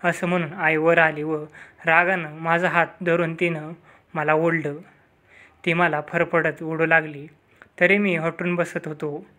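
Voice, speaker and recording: A man reading a first-person story aloud in a steady narrating manner. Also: on the high side, a little slow.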